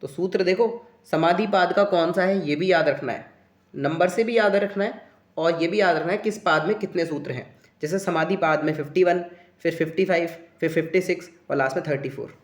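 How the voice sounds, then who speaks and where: A man's voice: sits high, a little fast. Earnest male tutor reciting sutras, echoey. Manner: chants Sanskrit sutras in a recitation cadence; urgent, coaxing teacher's tone. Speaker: yoga exam tutor. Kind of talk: exam answer-key lesson.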